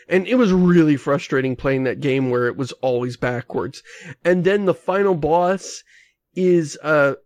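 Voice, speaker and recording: A man hosting a casual gaming podcast, animated and ranting, laughing often. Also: a little high, no echo. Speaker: podcast host.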